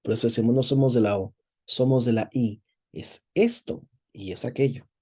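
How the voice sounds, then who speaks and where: Male priest, mid-pitched warm voice, rambling teaching tone. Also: lively intonation, normal speed, slightly rough. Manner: digressive, repeats words while searching for phrasing; explanatory, asks "verdad?" to check with listeners. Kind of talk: lecture, reading and commenting on a text.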